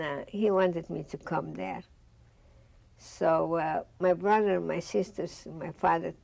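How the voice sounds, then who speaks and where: Seated in a studio in front of a dark curtain, an elderly woman from Bessarabia shares her life story in an oral history interview, voicing remembered dialogue. Her Russian-accented voice is lowish and a little mellow, with vocal fry.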